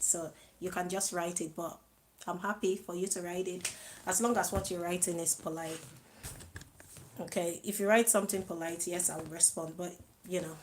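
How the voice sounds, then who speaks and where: Mujer de voz grave charlando en directo. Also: female voice, lowish voice, a little hiss or hum, poor audio. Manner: slow, chatty, greets viewers and laughs softly. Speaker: live-stream host. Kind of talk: casual live-stream chat to viewers.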